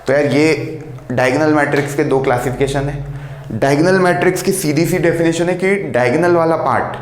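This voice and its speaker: A man teaching a maths class at the board, explaining step by step in a mix of Hindi and English and often checking whether the students understood. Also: medium pitch. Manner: explains slowly, mixing Hindi and English, keeps checking "clear?". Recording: roomy classroom echo, faint background noise.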